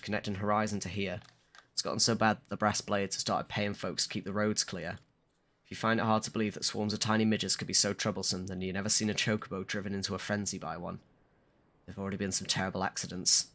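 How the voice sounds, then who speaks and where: A man reading aloud the game dialogue of a brisk, gruff quest-giving trader, blunt and salesmanlike. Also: on the low side, fairly bright tone.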